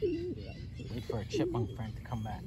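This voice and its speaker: Guy doing a counting game for little kids, super lively up and down voice, outside with birds and a bit of noise. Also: mid-range voice, measured pace. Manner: animated, question-asking, talking as to small children. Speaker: host of a children's counting game. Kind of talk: playful narration addressed to young children. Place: outdoors on grass in a park. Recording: outdoor ambience with birds, faint noise. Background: birds and outdoor ambience.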